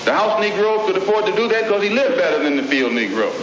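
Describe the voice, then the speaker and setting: A man's voice: sits high, very animated. Man giving a speech in old hall recording. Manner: rhythmic, measured oratory with pointed emphasis. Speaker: orator. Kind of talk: archival speech to an audience. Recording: old echoey, dull, noisy hall recording.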